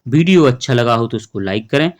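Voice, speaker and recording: A man's voice: mid-range voice, expressive, a little fast. A male teacher going through a workbook lesson for young pupils, explaining each answer patiently and step by step while addressing the children.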